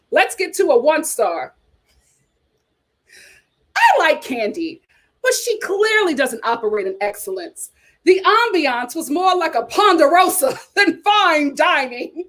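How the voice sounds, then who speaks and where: A high-voiced American woman hosts a relaxed reality TV chat show, reading aloud and commenting as her pitch bounces lively up and down. Along the way she tosses in playful, teasing remarks.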